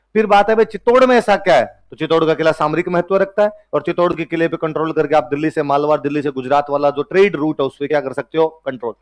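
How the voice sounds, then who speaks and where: A young man teaches history like a storyteller, slipping into the characters' voices and firing quick questions at his class. His voice sits fairly high for a man. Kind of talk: lively classroom history lecture.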